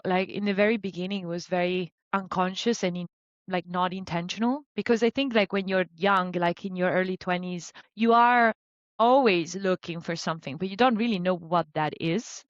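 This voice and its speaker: A woman's voice: mid-range voice, moderate pace, no room sound, muffled recording. Chatty woman coach from Italy. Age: 30s. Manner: chatty, many "like" fillers. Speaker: guest, business coach. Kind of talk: conversational interview.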